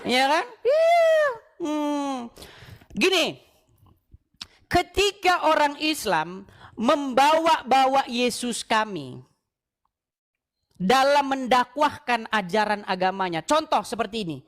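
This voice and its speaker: A woman hosting a livestream debate, speaking in a teasing, calmly provocative way with frequent laughs. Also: high voice, takes it slowly, pauses often.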